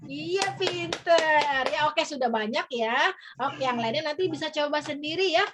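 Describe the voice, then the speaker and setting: A fairly high-pitched woman teaches small children online, and her cheerful voice comes through a noisy, hissy video-call line. She coaxes them along, ending nearly every phrase with a questioning tag, and keeps her lesson light and encouraging. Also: lively intonation, unhurried. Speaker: teacher guiding a virtual field trip.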